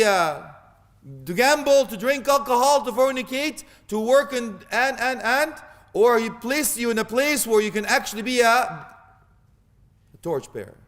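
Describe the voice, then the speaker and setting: A man with a notably high voice delivers a sermon, mixing humor and acted-out scenes with Arabic phrases. His voice rings out with a long reverb, as if filling a large hall. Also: lively intonation, unhurried, fairly bright tone. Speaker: preacher. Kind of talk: animated Islamic sermon.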